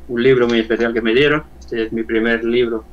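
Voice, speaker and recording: A man in his sixties from Valencia with a Spanish accent from Spain, giving an earnest personal testimony as an interview guest, often halting and repeating words. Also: medium pitch, flat delivery, highs cut off. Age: 60s. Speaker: interview guest, church member.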